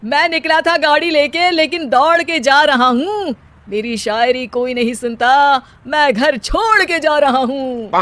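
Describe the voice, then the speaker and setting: A woman's voice: high-pitched, measured pace, fairly bright tone, no room sound. A woman voicing a lazy, cheeky young man in a cartoon who theatrically declaims his rhymes. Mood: showy. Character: lazy young man, cheeky self-satisfied amateur poet.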